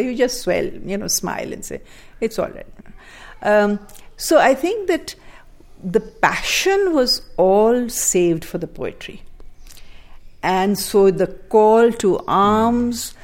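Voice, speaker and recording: An older woman from Pakistan, a guest speaking thoughtfully in conversation, with fillers and soft laughs. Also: mid-range voice, vocal fry. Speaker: guest, daughter of a poet. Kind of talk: reflective conversation.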